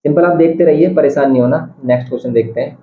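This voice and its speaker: A man's voice: on the high side, racing. Reassuring male math teacher, roomy recording. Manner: reassuring, repeats key steps aloud. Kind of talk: board-exam math lesson. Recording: dull, slightly roomy with faint hiss.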